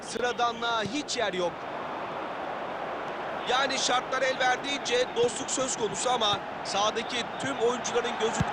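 A man calling a football match play by play, raising his voice to shouts on attacks and goals. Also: very high-pitched. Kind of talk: excited match commentary. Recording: loud stadium crowd noise over commentary. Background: roaring stadium crowd.

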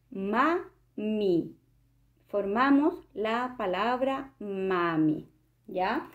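A woman's voice: high voice, darkish tone. A woman teaching a kindergarten lesson to young children, patient and prompting them with questions.

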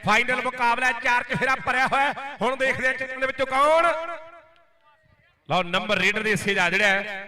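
A man giving frantic rural kabaddi commentary in a rhythmic, declamatory way with verse and repeated phrases. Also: high-pitched. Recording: crowd noise at outdoor match.

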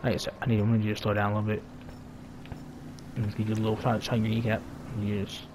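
A man's voice: lowish voice, monotone, quick pace, background noise. A man giving casual, joking gameplay commentary, swearing a lot and laughing as he plays. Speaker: gamer.

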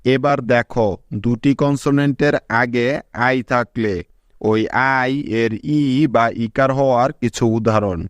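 Guy teaching english phonics real slow, smooth clear voice, dry close mic. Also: medium pitch, fairly even intonation, no echo. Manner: measured, instructive, addresses students as guys. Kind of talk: slow scripted lesson narration.

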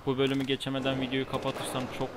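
A man's voice: mid-range voice, completely flat delivery, fast talker. A man giving casual commentary while he plays a game, often exasperated and annoyed. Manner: frustrated, exasperated muttering. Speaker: gamer. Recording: noisy, with game gunfire behind.

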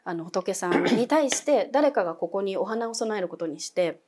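A woman's voice: medium pitch, lively intonation, moderate pace, darkish tone. A young adult woman telling a ghost story as a guest, dramatic, dropping to whispers and acting out voices.

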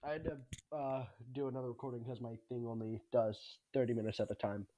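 A man's voice: mid-range voice, fairly even intonation, fairly quick, dark tone. A man doing casual let's play commentary on a game, with exclamatory asides. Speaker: gaming video creator, player.

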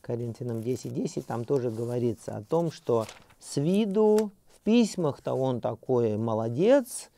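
A middle-aged man giving an unscripted seminary lecture, hesitant, with many fillers and restarts, slowing down when he reads scripture aloud. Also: mid-range voice, animated, gravelly, mellow.

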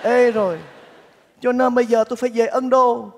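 An actor playing a kind-hearted bachelor neighbor in a stage comedy, talking in a soft, coaxing, earnest way. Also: male voice, extremely high pitch, little pitch movement, normal speed. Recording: reverberant theater stage, faint music.

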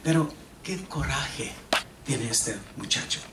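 On a theater stage, a middle-aged man stands at a podium and reads a dramatic monologue from a script into a microphone on a stand, switching between English and Spanish. His medium-pitched, creaky voice is expressive and emphatic, with deliberate pauses. The recording is distant, in an echoey hall with faint noise.

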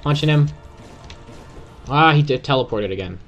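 A young gamer gives casual commentary on gameplay, excitedly cheering on and urging a teammate forward. His voice is a little high and his pace moderate; the recording is muffled, with faint music in the background.

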